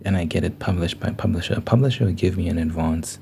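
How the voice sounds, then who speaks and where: A man in casual, rambling talk, thinking out loud in an informal way. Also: low voice, fast, gravelly, slight background noise.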